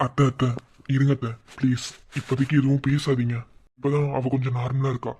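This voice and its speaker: A man's voice: medium pitch, level tone, brisk, warm tone, a little hiss or hum, close to an everyday voice. A man voicing a young son-in-law in a cartoon, soothing and reassuring but firm when he has to be. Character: young son-in-law, calm and protective, stern when needed. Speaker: son-in-law comforting the family.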